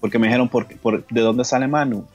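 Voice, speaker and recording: A man's voice: medium pitch, fairly even intonation, fast, darkish tone, husky, dull audio, soft background music. A man with a Honduran accent, a guest singer and pastor, tells a personal story in an interview, acting out the dialogue and often repeating words. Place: radio studio.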